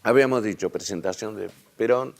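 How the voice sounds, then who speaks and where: A hoarse man with an Argentine accent lecturing a university class, halting and restarting as he thinks aloud, with tag questions. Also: lowish voice, a little hiss or hum. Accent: Argentine Spanish.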